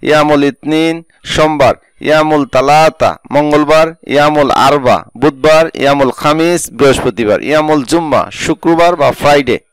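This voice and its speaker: Smooth-voiced man teaching slowly. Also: fairly high pitch, dry recording. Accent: Bangladeshi Bengali. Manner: slow repetition of phrases with translations. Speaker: Arabic language teacher. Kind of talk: spoken language lesson.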